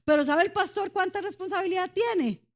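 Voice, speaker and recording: A woman with a very high voice preaches a sermon in church at a fairly quick pace, emphatic and direct. She keeps calling out to the congregation as brothers and sisters, and she speaks as a mother who mentions her daughters.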